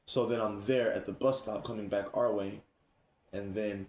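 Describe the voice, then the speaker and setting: A man hosting a casual chat, telling stories in an animated way, laughing and acting out what others said. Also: lowish voice, normal speed. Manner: animated, laughing, acts out quoted speech. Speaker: streamer and host. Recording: roomy echo.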